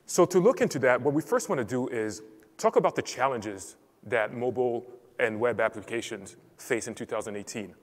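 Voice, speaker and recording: A man from Cameroon presents a technical session on a large conference stage, speaking in a clear, orderly way through a headset mic. His medium-pitched voice carries a long reverb from the hall around him. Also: animated, fairly quick.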